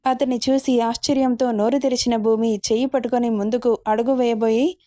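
A woman narrates a romance story in a steady, scripted read. Her voice is a touch high and mellow. The recording is dry and close. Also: brisk, no room sound.

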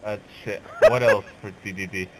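A man's voice: fairly low pitch, steady tone, normal speed, heavy background noise. Tipsy, cursing man on game chat. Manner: loose, swears constantly. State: drunk. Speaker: gamer in squad voice chat.

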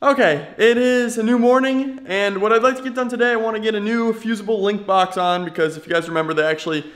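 A man's voice: high voice, fairly even intonation, fast, fairly bright tone. A man casually vlogging a car build from his home garage, laid-back and slangy, thinking aloud with easy fillers. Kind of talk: casual chat to camera.

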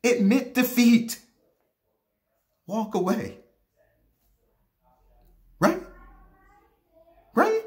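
A man acts out an anguished middle-aged husband in a theatrical monologue. He is a hammy stage performer, slow and emphatic, with long pauses. His pitch swings widely as he pleads over a broken marriage. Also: big pitch swings, exaggerated voice. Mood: resolute, weary. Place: small plain room indoors.

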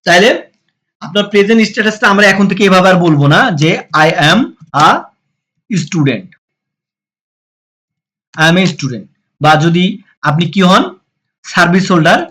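High-voiced Bangladeshi man teaching English. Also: fairly even intonation, a little fast, long pauses, fairly bright tone. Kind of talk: spoken English lesson.

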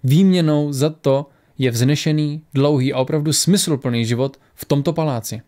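A man voicing a wizard who makes a formal offer slowly and ceremoniously. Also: a little high, warm tone, lightly acted.

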